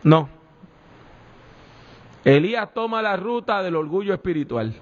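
A man preaching a sermon with slow, emphatic delivery and repeated refrains. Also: high voice, animated. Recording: echoey hall, dull lo-fi sound.

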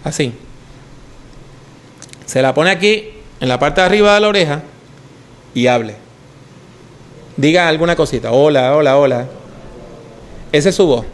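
A man's voice: fairly high pitch, expressive, moderate pace, pauses often. A man giving a conversational lesson on how to preach, demonstrating points with his own voice. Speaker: preaching teacher. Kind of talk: instructional talk on preaching.

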